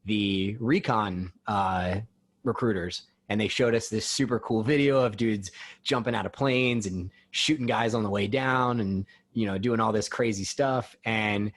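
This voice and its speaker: A man with a fairly low voice hosts a relaxed podcast chat. He asks questions and tells stories in a loose, halting way, full of "uh" and "like.". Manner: easygoing, conversational, halting with fillers. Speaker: podcast host. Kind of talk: casual podcast interview.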